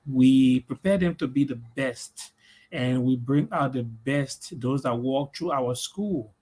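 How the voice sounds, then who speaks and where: A middle-aged Liberian man answering interview questions slowly, pausing often with "uh". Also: medium pitch, darkish tone, husky. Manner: slow, measured, with many "uh" pauses. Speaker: guest, community leader.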